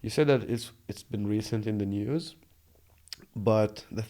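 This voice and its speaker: A man from Jordan in his twenties speaks in a lowish, mellow voice, a little slowly, as an interview guest in Australia. The conversation is casual, and he reflects earnestly on his story, often restarting his sentences.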